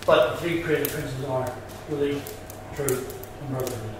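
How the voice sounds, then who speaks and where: A man's voice: mid-range voice, normal speed. A man with a Belfast accent, casually and bluntly explaining things to visitors as a Freemason guide. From Northern Ireland. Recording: echoey hall from far off, with background noise.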